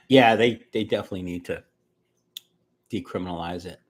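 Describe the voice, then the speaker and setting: Reading viewer comments aloud, this fishkeeping livestream host, a man in his early fifties, chats casually and rambles on at length. He speaks at a moderate pace in a low-pitched voice.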